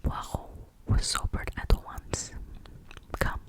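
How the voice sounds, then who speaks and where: Semi-inaudible close-up ASMR whisper, reading a novel. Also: takes it slowly. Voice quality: soft, breathy, semi-inaudible unvoiced whisper. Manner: close-up whispering, murmured and hushed.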